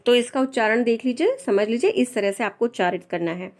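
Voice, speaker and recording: A woman's voice: a little high, lively intonation, a little fast. A woman teaching a language lesson, patiently explaining and repeating each pronunciation.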